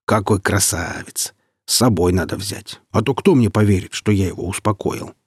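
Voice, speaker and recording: A man reading the part of a boastful, grim northern warrior who speaks in an unhurried, mocking way. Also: deep voice, slightly rough, no room sound, clean studio sound.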